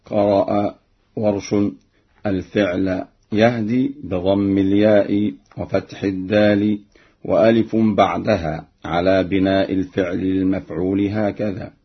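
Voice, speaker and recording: A man teaching variant readings of the Quran, explaining slowly and chanting the verses he quotes. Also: low voice, fairly even intonation, slightly rough, highs cut off. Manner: slow, measured, chants quotations.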